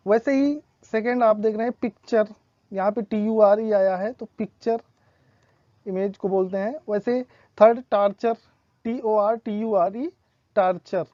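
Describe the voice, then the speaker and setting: A woman, a teacher patiently explaining English pronunciation rules and repeating each example slowly. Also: mid-range voice, dark tone, no echo, muffled recording.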